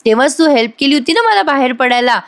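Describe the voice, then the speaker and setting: A woman's voice: high voice, animated, fast talker, pitched above the performer's own voice. Teasing young husband, as a woman reads him. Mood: teasing, tender.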